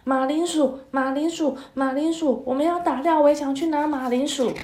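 Eager hungry soldiers chanting in unison, raised and bright above the reader's usual voice, as a woman puts them on. They belong to a children's storybook, and the recording sits in an echoey room. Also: high-pitched, fairly even intonation, moderate pace, slight background noise, voice pushed up, natural voice. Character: hungry shouting soldiers, young men.

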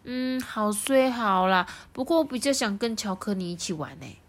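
A woman voicing an eager, cheerful young female cat in a storybook reading, high and excited. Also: moderate pace, natural voice. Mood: pleading. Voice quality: high and bright. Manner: excited, pleading.

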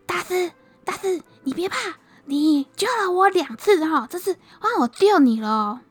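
A woman voicing a bold young male tiger-slaying hero who talks eagerly and loudly. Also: high-pitched, big pitch swings, measured pace, no room sound, soft background music, voice pushed up.

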